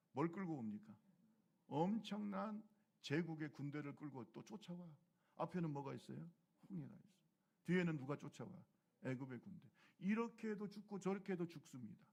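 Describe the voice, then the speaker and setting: A male pastor preaching a sermon who keeps asking the congregation questions and has them repeat phrases after him, dropping to low murmurs and then rising to loud exclamations.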